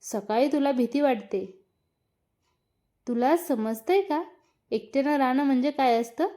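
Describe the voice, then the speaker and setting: A woman's voice: sits high, measured pace, dark tone. A woman voicing a teasing, eager young husband, playful and insistent, in a read-aloud story. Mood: scolding.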